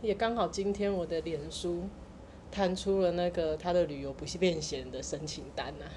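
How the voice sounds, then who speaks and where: A woman, co-hosting a casual chat with her sisters and telling a story in an animated way with frequent laughs. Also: fairly low pitch, normal speed, slight background noise. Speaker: podcast co-host.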